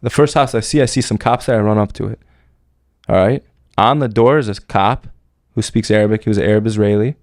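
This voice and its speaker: A man's voice: on the low side, fairly quick, darkish tone, no room sound, studio quality. A man telling a story as a podcast guest, in casual, rambling speech full of slang and fillers. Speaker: podcast guest recounting military service.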